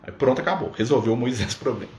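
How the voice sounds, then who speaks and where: Fast-talking man in an echoey room. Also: mid-range voice, a little mellow. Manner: conversational, full of "né?" and "tá?" asides. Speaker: Spiritist study leader. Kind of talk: casual teaching talk on a live stream. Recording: roomy sound with faint background noise.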